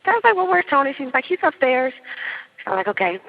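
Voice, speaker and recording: A woman in her thirties, interviewed in a casual chat, tells a story in a high voice and talks fast. She's animated, laughs often, and acts out what people said. The audio is narrow and tinny.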